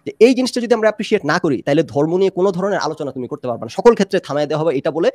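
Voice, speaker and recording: Fast-talking, argumentative Bangla man. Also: a little high, expressive, darkish tone, no echo. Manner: argumentative, mixes English phrases into Bangla. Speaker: discussion panelist. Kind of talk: fast-paced debate.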